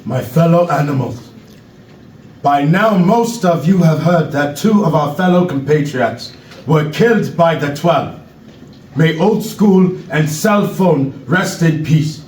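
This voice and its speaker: Man playing Knowledge, a slow, solemn panther orator. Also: a little high, lively intonation, a little mellow, a little hiss or hum. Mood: grave, solemn. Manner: deliberate, grave oratory. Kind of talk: stage play reading, speech. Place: echoey room, away from the mic. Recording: roomy echo, distant microphone.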